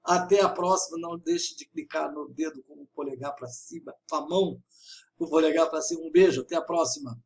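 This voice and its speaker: A man with a fairly high voice teaches poetry in a video lesson. He explains patiently and stresses syllables as he reads verse aloud. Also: brisk. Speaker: literature teacher.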